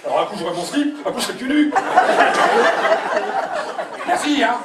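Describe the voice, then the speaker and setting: A man's voice: very high-pitched, animated, moderate pace, over a noisy crowd. A man performing a comic stage monologue as a whiny grown son, acting out his parents' voices. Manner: plays a fifty-two-year-old overgrown son, mock-whiny, acts out both parents. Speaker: stand-up comedian. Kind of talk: live comic monologue in character. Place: theater stage with audience laughter. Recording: echoey live stage from a distant mic, loud audience noise.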